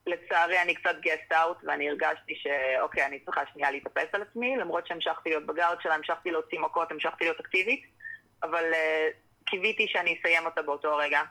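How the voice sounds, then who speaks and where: A young woman, a professional fighter, talking animatedly as a guest in a casual interview. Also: rough recording. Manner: animated, drops into high acted-out quotes.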